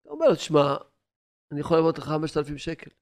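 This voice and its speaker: A man preaching a sermon, telling stories and swinging between loud urging and hushed asides. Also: fairly high pitch, big pitch swings.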